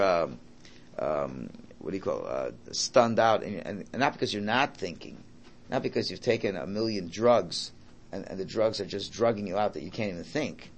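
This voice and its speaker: A man's voice: on the low side, vocal fry. A man giving an informal Torah lesson, repeating his points, posing rhetorical questions and checking in with "right?". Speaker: religious teacher. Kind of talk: informal Torah lesson, translating and explaining a text.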